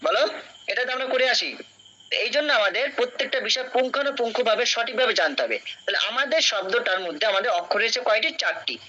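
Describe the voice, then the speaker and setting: A young man teaches a class, patient and questioning, stopping often to check his students follow. His voice is bright and clear-edged. The recording is dull and lo-fi, with a faint hiss underneath. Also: very high-pitched, expressive, fairly quick. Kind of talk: classroom lecture.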